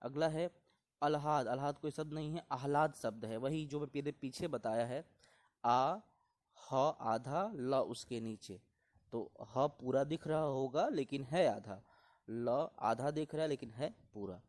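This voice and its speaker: A male teacher with a mid-range, slightly mellow voice walks exam students through correct Hindi spellings one word at a time. He says each word slowly more than once and reminds them to pay attention and take care in this exam-prep spelling lesson.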